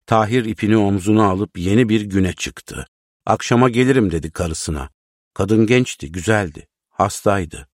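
Deep-voiced male story reader. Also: normal speed, no room sound, clean studio sound. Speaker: narrator. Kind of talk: storybook reading.

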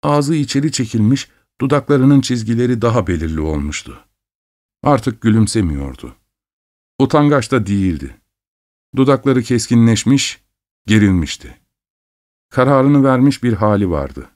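A man narrating a literary story with a measured, unhurried manner. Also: mid-range voice, very animated, darkish tone.

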